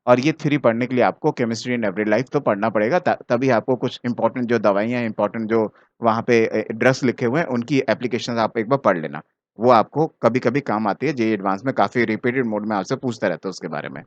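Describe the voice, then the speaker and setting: A male teacher with an Indian accent walks a student through an exam answer, one step at a time, switching between languages and asking "right?" as he goes. His voice sits at a middle pitch. The recording is dry and a little dull, as if from a close, modest microphone. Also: fairly quick, dry recording. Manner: explains step by step, mixing English terms into Hindi; talks directly to the student, often checking "ठीक है ना". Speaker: chemistry teacher. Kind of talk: exam solution walkthrough. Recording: dry, slightly dull mic sound.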